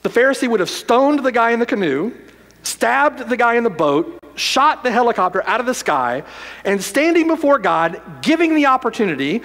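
A male pastor preaching a sermon emphatically, repeating phrases and swinging from loud declarations to hushed lines. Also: very high voice, big pitch swings, normal speed, in a large hall.

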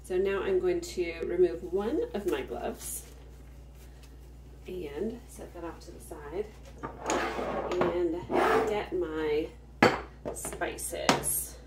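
A woman with a lowish voice hosts a cook-with-me video for her farmstead channel, working in her home kitchen and explaining each step at an easy pace. She speaks very slowly with frequent pauses, recorded far from the mic amid roomy acoustics and heavy background noise.

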